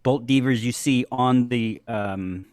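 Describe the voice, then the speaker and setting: A man narrating a tabletop game as game master, halting with many restarts and frequent laughter. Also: medium pitch, darkish tone, smooth.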